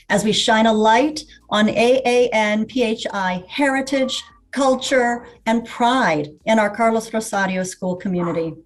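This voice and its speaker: A woman on a school's staff giving a prepared welcoming speech in an earnest, measured way. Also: a little high. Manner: earnest, measured, listing values one by one.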